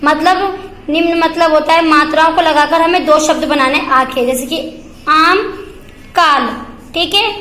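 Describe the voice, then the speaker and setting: High-voiced woman teaching a grammar lesson. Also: fairly even intonation, moderate pace, bright, forceful tone. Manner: asks questions and answers them herself, repeats "ठीक है". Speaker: school teacher.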